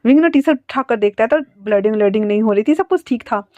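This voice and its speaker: A woman's voice: on the high side, lively intonation, fast talker, warm tone, no room sound. A woman narrating a fan fiction story in a chatty, casual retelling. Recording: dry, dull lo-fi sound.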